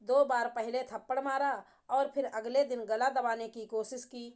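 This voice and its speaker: A woman voicing a young married woman who is hurt and angry, speaking in a sharp, scolding way. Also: fairly high pitch, flat delivery, normal speed, close to an everyday voice. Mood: stern.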